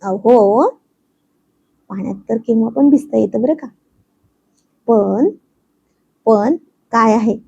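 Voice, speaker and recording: A woman's voice: fairly high pitch, takes it slowly, creaky, pauses often, mellow, slightly rough, dull audio, exaggerated voice. A woman voicing a bashful young wife who scolds her husband in a romantic story. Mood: scolding.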